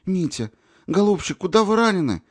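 A man voicing a caring young woman nurse in an audiobook, raising his voice high and urgent. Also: expressive, brisk, darkish tone, husky. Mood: soothing.

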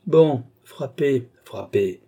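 A man's voice: mid-range voice, moderate pace, mellow, slightly rough. A man voicing a witty, aging duke in an audiobook, mocking and theatrical in his banter. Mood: mock protest. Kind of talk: audiobook character voice.

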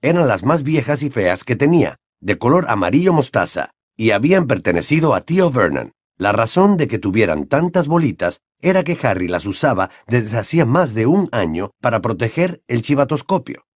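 A man narrating an audiobook in an expressive storytelling manner on a close mic. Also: medium pitch, moderate pace, hardly any pauses, no room sound. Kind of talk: scripted narration.

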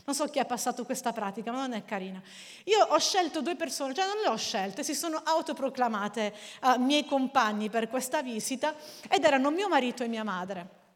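A woman delivers a sermon in a high, bright voice. She tells stories in an animated way and often laughs along the way. Her voice rings out with a long reverb through a church hall. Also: a little fast. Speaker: preacher.

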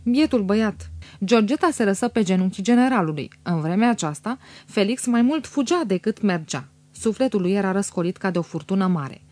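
A woman narrates a literary audiobook with a measured, even delivery. Her voice is mellow and warm, recorded close and dry. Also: medium pitch, no room sound.

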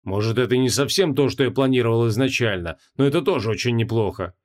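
A man voicing a menacing archdemon in an audiobook, speaking in a hoarse, growling, slow way. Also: mid-range voice, lightly acted. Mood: cold menace. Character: menacing male archdemon, wrathful former mage.

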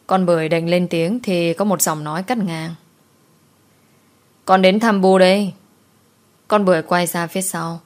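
A woman narrating a folk story in an expressive, folksy storytelling manner. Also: lowish voice.

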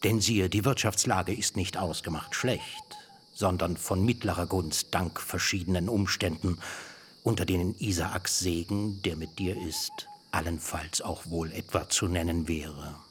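An actor playing Laban, a scheming, self-important older uncle who bargains, turns solemn and drops to whispers, in a radio play. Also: male voice, low-pitched, unhurried, slight background noise. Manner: bargaining, solemn, swinging between loud and whispered. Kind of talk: German radio drama acting.

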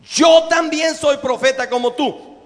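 Preacher doing a crafty old lying prophet: coaxing, persuasive, raised pitch, church reverb. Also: male voice, measured pace.

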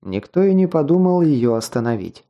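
A man narrating an audiobook in a measured, even storytelling manner. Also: a little high, lo-fi sound. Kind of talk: scripted narration.

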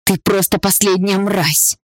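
A man reading an audiobook voices a young woman held captive, hoarse and defiant, shouting insults and pleas. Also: sits low, moderate pace, dry recording. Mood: furious. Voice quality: hoarse, hissing. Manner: shouting in anger and fear.

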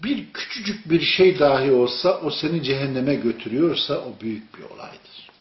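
A man's voice: mid-range voice, animated, moderate pace, a little hiss or hum. Male preacher, echoey lo-fi room. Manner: storytelling, asks the audience questions. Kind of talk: informal religious sermon. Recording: echoey room, dull lo-fi sound.

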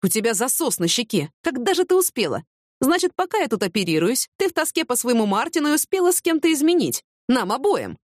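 A woman's voice: sits high, big pitch swings, fast talker, no room sound, studio quality, pitched above the performer's own voice. A woman reading an audiobook, voicing an injured, weary male police major who complains in an exasperated way.

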